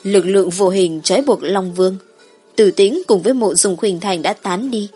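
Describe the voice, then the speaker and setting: A woman's voice: mid-range voice, moderate pace, dark tone, husky, faint music behind. A woman reading a scripted fantasy story as an audiobook narrator.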